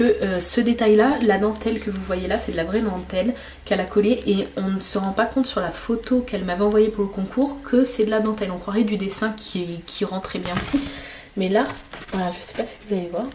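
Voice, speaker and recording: A woman's voice: mid-range voice, steady tone, a little fast, darkish tone, slight background noise. A woman chatting casually to her camera as a vlogger, with many fillers and restarts. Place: home workshop.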